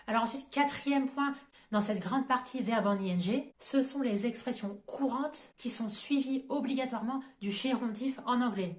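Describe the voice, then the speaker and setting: A woman teaches a grammar lesson in a methodical, step-by-step way, spelling out letters and slowing down for each example sentence. Her voice sits a little high. The room adds a clear echo around her words. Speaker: English teacher on her own channel.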